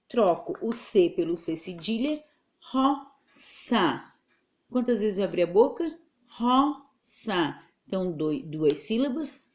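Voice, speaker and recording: A woman's voice: mid-range voice, dark tone. A Brazilian woman teacher giving an online lesson to children, patiently sounding out words syllable by syllable. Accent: Brazilian Portuguese. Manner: slow, patient, over-articulating words for children.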